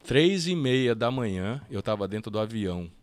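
A Brazilian man telling his story as a podcast guest, lively and quick, with fast restarts and acted-out bits of dialogue. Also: medium pitch, no echo. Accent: Brazilian Portuguese. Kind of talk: casual storytelling interview.

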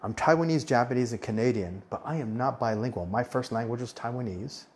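With a medium-pitched, darkish voice and a slightly fast pace, a man in his forties from the United States hosts a podcast about life abroad. His casual monologue is marked by frequent restarts and self-corrections.

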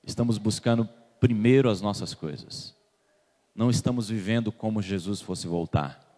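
Preaching at normal speed in a lowish, warm voice, a man from Salvador, Bahia, Brazil asks the congregation questions and waits for them to respond. The sermon takes place in a church hall with long reverb.

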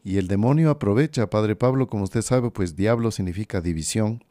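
A priest speaks in a low, mellow voice on a podcast, reflective and conversational. The sound is dry and close, with no room around it. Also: male voice, a little fast, no room sound. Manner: reflective, conversational, often asks "¿no?".

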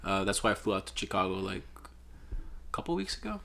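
With a low, gravelly voice that runs a little fast, a Peruvian photographer in his twenties chats as a podcast guest over a little hiss or hum. He's relaxed and rambling, dropping "like" fillers constantly.

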